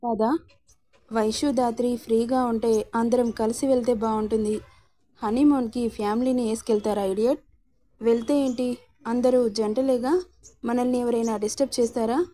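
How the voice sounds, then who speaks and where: A woman's voice: fairly high pitch, steady tone, moderate pace, dark tone, lightly acted. A woman reading a teasing young husband. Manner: bantering, bossy-affectionate.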